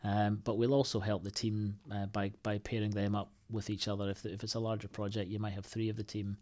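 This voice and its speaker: Halting, low-voiced man being interviewed. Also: level tone, a little mellow. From United Kingdom. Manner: halting, many restarts and fillers, thoughtful. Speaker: podcast guest, IT consultancy co-founder. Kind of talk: casual interview answers.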